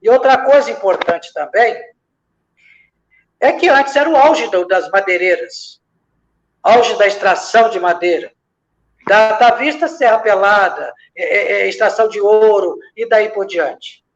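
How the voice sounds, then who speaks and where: This lay missionary from Minas Gerais, Brazil, speaks at a measured pace in a high voice while reflecting in a church discussion. He develops his ideas through repeated parallel examples, with frequent hesitations, and the recording is dull and lo-fi.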